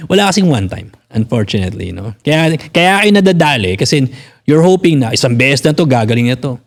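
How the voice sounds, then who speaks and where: A man's voice: medium pitch, very animated, brisk. A Filipino physical therapist in his forties, talking bluntly in a casual podcast conversation, swearing freely and mixing in English. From Philippines.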